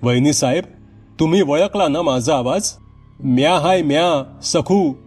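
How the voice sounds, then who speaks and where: A man's voice: fairly high pitch, measured pace, a little mellow, slightly rough, faint music behind. A man voicing a vengeful female ghost who possesses a young village nurse, speaking in rural Marathi with a harsh, growling, threatening manner. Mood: tearful. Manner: menacing, taunting threats.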